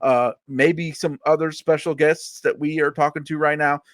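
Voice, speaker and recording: A man hosting a casual podcast, talking fast and excitedly and swearing freely. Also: fairly high pitch, no echo, clean studio sound. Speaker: podcast host.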